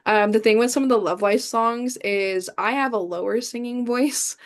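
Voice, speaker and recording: With a voice on the high side and a normal speaking speed, this young Midwestern idol performer chats her way through interview questions as a guest. She uses many fillers and often restarts.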